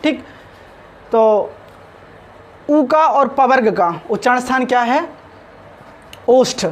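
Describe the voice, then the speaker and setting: Slow deliberate man teaching pronunciation. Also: very high voice. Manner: slow and deliberate, sounding out each letter. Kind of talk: spoken lesson on pronunciation.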